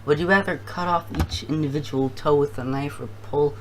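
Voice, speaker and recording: A challenge video host talking casually to viewers and thinking out loud in a halting way. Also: medium pitch, fairly even intonation, a little hiss or hum.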